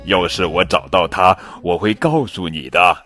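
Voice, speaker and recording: Brief: protective tiger dad, low and serious, storybook, voiced by a man. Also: normal speed, soft background music. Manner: hushing, then grave. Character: protective tiger parent of twins.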